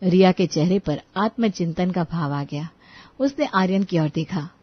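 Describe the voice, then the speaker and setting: A woman storyteller narrating a scripted story in an expressive, dramatic way. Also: on the low side, a little slow, husky, no echo, dull audio.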